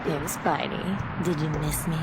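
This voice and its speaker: A woman's voice: sits low, fairly even intonation, unhurried, very noisy. An actress playing a teasing young female cat burglar turned agent, playful and confident, with an American accent, in a video game. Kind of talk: video game cutscene acting.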